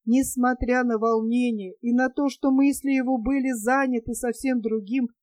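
Brief: woman narrator, high voice, measured expressive audiobook reading, dry close sound. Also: no echo. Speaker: audiobook reader. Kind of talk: audiobook narration of a classic novel.

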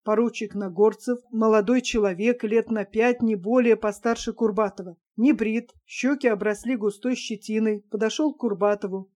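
A woman narrating an audiobook in a steady, even manner. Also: fairly high pitch, normal speed, few pauses.

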